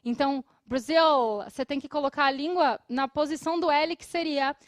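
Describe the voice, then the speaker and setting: A woman with a Brazilian Portuguese accent teaching an English lesson, explaining patiently and repeating English phrases slowly for her students. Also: high-pitched, no room sound, clean studio sound. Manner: laughs often between phrases. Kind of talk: televised classroom lesson. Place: studio.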